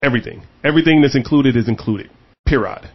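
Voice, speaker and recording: A man hosting a casual chat, animated and emphatic, getting heated and repeating his points. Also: mid-range voice, fast talker, lo-fi sound. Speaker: host.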